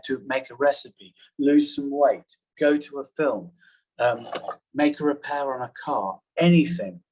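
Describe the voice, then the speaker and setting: Husky man lecturing a class. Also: mid-range voice, a little mellow, rough recording. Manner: halting, frequent "okay?" check-ins. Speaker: journalism teacher.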